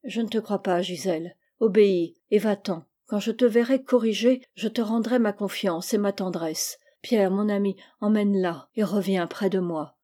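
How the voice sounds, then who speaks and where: A sorrowful, gentle mother in a storybook, read by a woman. Her speech is soft and sad, in a warm, mellow tone. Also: mid-range voice, moderate pace, few pauses, natural voice.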